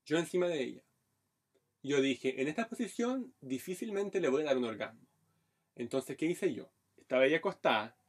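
With lively intonation, a moderate pace and a breathy edge to his slightly high voice, a Brazilian man co-hosts a casual podcast. A Portuguese speaker by birth with a Brazilian accent, he tells blunt, candid stories thick with Chilean slang.

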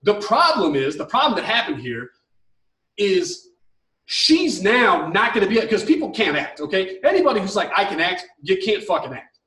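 Fired-up, profane male advice host, high voice. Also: big pitch swings, moderate pace, sharp tone. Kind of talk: live advice chat. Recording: roomy echo, a bit far from mic.

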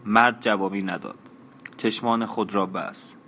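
A man reads a novel aloud in a measured, even style. His voice is low and steady. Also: a little hiss or hum. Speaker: narrator. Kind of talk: audiobook narration.

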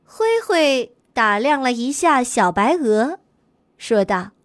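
A woman reading a children's story aloud in a slow, expressive way. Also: on the high side, no room sound, studio quality.

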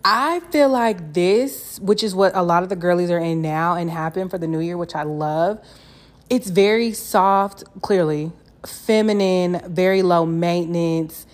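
A woman's voice: lowish voice, a little slow. A young woman chatting casually as a solo podcast host, candid and slangy, swearing freely and repeating phrases for emphasis. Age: young adult.

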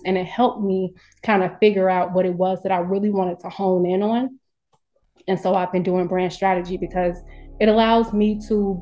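A woman's voice: medium pitch, mellow. A woman speaking as a podcast guest, a brand strategist explaining her work in casual, informal conversation.

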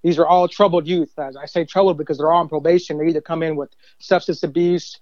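Rambling man, slightly high, dull sound. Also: steady tone, fast, darkish tone, no room sound. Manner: rambling, many fillers and "you know what I mean". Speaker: guest, church usher and youth minister. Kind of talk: casual testimony interview.

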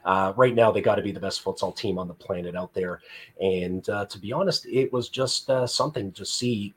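Husky-voiced man hosting a sports chat. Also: lowish voice, fairly quick. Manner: animated, enthusiastic, uses filler phrases. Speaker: podcast host.

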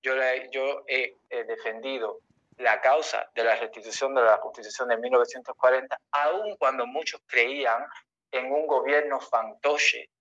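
Man on a muffled stream, bright voice, keeps insisting, repeats himself when cut off. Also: mid-range voice, steady tone, a little slow. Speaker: summit organizer speaking on a call-in talk stream. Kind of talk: heated live discussion. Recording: lo-fi stream audio.

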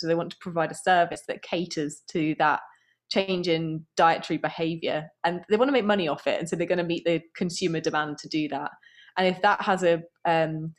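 A woman with a fairly low voice speaks as a guest on a podcast. She talks in a thoughtful, earnest way, with fillers and restarts. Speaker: guest, app founder. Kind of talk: casual conversational interview.

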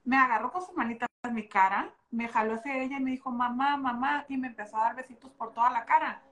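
Mexican woman co-host, slightly high voice, lively slangy storyteller, casual podcast chat. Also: fast talker. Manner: animated storytelling, slangy, expressive. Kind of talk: casual chat about motherhood.

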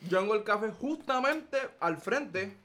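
A man's voice: high-pitched, lively intonation, takes it slowly, fairly bright tone. A young man hosting a casual podcast chat, rambling and restarting his questions. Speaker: podcast host.

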